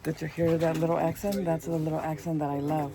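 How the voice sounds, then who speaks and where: Over a noisy background, a fast-talking woman with a low, flat voice narrates a casual vlog from strawberry fields on a handheld phone. She's chatty and rambling, and switches into Spanish.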